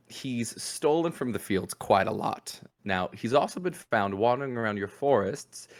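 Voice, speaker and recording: A man with a fairly low voice that moves up and down a lot narrates a tabletop fantasy game. He rambles in a loose, relaxed way and stops often on filler words. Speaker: game master.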